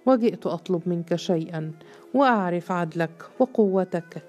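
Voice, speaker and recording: A woman's voice: lowish voice, moderate pace, a little mellow, soft background music, lightly acted. A woman reading the lines of a bold yet shy young woman who pleads with a judge, in an earnest way.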